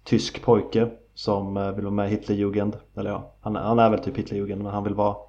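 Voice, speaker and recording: A man co-hosts a film podcast in an easy, conversational way and asks his partner questions. His voice is fairly low, and the recording is dull and lo-fi. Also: level tone, warm tone. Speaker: podcast co-host. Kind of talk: casual film chat. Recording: dull lo-fi sound.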